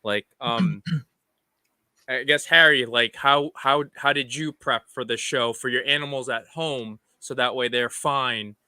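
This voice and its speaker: Man, co-host, rambling casual talk, smooth bright voice, dry sound. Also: mid-range voice, fairly even intonation, slow, no echo. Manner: rambling, restarts his sentences. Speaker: podcast co-host. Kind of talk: casual live chat.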